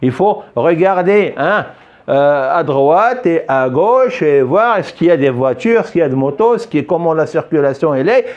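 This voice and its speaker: A man gives a slow, patient phonics lesson, repeating each word and praising often. His pitch sits a little high and swings widely. The recording sounds slightly dull and lo-fi. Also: animated, darkish tone. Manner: patient, repeats words many times, praises with "très bien". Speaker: French teacher.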